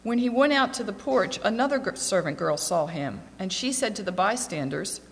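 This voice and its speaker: A woman reading scripture aloud in a steady, clear voice. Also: mid-range voice, moderate pace. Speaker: scripture reader. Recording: long echoing reverb.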